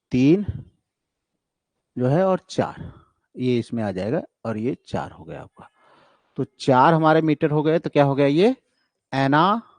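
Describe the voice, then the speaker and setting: A man's voice: medium pitch, no echo. A man with an Indian accent teaching an online exam-prep literature lecture, explaining step by step, asking and answering his own questions and chanting stress patterns aloud.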